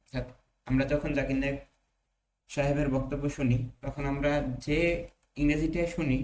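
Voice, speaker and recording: A young man teaching an Arabic class, reading Arabic slowly and then explaining it with pauses and fillers. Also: medium pitch, level tone, darkish tone, low-quality recording. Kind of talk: online class lecture, explaining Arabic text in Bengali.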